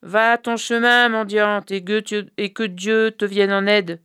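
A woman's voice: medium pitch, fairly even intonation, unhurried, a bit bright, smooth, no room sound, studio quality, pitched above the performer's own voice, natural voice. A woman voicing a scornful, dismissive wife in a folk tale. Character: scornful peasant wife of the sick man.

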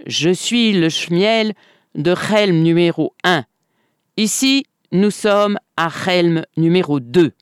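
A storyteller voicing a calm, stubborn village man who insists he is someone else, in a read-aloud folk tale. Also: medium pitch, takes it slowly, clean tone, dry recording, clean studio sound, natural voice.

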